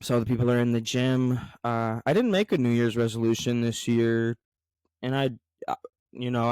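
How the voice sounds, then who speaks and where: A man's voice: medium pitch, darkish tone, smooth, no echo. A man with an American accent talking casually as a solo podcast host, in a rambling, conversational way. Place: garage.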